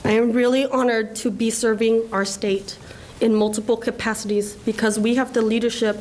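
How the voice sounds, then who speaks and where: A woman's voice: fairly high pitch, fairly even intonation, normal speed, darkish tone, a little hiss or hum, poor audio. A woman from Laos in her forties giving an earnest, emotional award acceptance speech at a podium. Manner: earnest, emotional, tearful at times. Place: government ceremony room.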